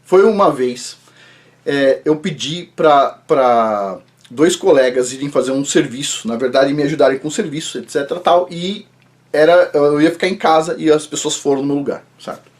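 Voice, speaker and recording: A man with a Brazilian accent giving a personal religious testimony in an animated way, often checking in with the listener. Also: a little high, moderate pace. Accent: Brazilian Portuguese. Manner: animated, often adds checking tags like "right?". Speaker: channel host telling a personal story.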